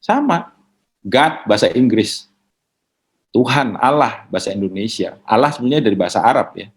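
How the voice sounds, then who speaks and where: A man's voice: lowish voice, animated, moderate pace. Casual man explaining faith questions. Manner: casual, mixes in English words. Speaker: pastor answering questions. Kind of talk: conversational teaching.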